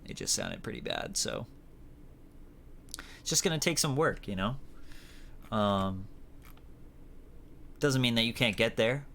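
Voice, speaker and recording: A man's voice: mid-range voice, wildly swooping pitch, unhurried, creaky, pauses often, fairly bright tone, a little hiss or hum. A man hosting a music review show, giving a blunt, rambling critique full of fillers and swearing. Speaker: host reviewing music submissions. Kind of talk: casual critique.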